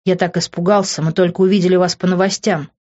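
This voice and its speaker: A woman's voice: fairly low pitch, steady tone, quick pace, darkish tone, lo-fi sound, lightly acted. Guilty, defensive middle-aged father, read by a woman, audiobook. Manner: sighing, defensive.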